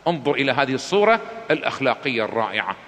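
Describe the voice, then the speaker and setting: A man preaching a sermon, telling a story with passion and chanting poetry loudly and slowly. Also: medium pitch, very animated. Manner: impassioned storytelling, recites poetry in a loud slow chant. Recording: long hall reverb.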